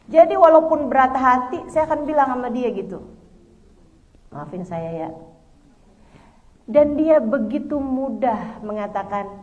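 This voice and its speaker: A middle-aged woman preacher giving a lively, conversational religious lecture to women, often acting out bits of dialogue. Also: a little high, lo-fi sound. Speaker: Islamic preacher.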